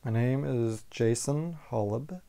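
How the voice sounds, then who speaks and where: A man in his forties answering documentary interview questions, measured and thinking aloud. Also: mid-range voice, gravelly, mellow. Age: 40s.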